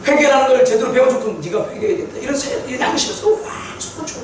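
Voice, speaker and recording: A man preaching a sermon testimony, telling his story with animated repetition for emphasis. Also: extremely high pitch, quick pace, background noise. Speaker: pastor. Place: church sanctuary. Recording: echoey church hall from far off.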